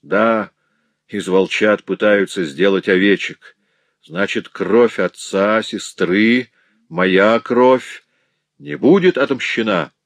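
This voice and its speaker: A man's voice: on the low side, slow pace, no echo. A man reading an audiobook aloud and voicing a cruel, unrepentant old widow who speaks with sarcasm and cold fury. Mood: bitter sneering. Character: vicious old widow, a murderer facing execution, sneering and unrepentant.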